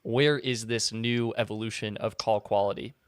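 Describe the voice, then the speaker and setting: Upbeat male podcast host, smooth voice. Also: fairly low pitch, steady tone, normal speed, dry recording, clean studio sound. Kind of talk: podcast interview questions.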